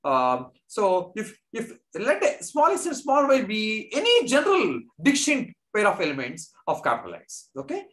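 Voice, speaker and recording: Male lecturer, Indian accent, animated intonation, halting dictation-like delivery with repeated phrases. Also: high-pitched. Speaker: mathematics lecturer. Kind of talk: unscripted math lecture.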